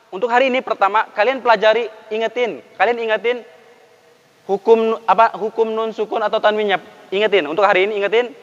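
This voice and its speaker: A man with an Indonesian accent teaching Quran recitation to a class, drilling letter sounds slowly and urging the students to repeat after him. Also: high-pitched, a bit bright, in a large hall, lo-fi sound. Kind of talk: classroom tajwid lesson with call-and-response drills.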